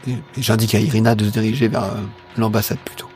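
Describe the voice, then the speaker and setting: A man playing a tabletop role-playing game, improvising his lines and actions in a hesitant, measured way. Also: lowish voice, flat delivery, darkish tone, faint music behind. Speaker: tabletop role-play player. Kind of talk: improvised in-character play and narration.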